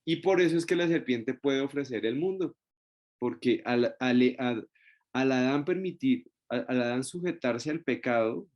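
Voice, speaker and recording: A man's voice: medium pitch, darkish tone. Man leading a Bible study. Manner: keeps checking in with the group with short tag questions; explains step by step with many restarts. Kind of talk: Bible study lesson with a shared screen.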